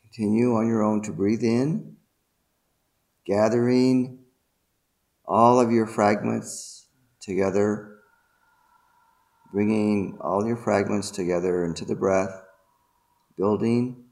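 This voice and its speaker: A man leading a guided meditation and spiritual invocation in a deliberate, ceremonial manner, in short separated phrases. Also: fairly low pitch, steady tone, a little mellow.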